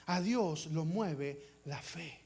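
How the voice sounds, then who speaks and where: A man's voice: a little high, extremely slow, creaky, a little mellow, breathy edge. A male pastor preaching a sermon with passion, asking the congregation questions and acting out voices. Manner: impassioned, acts out voices, rhetorical questions.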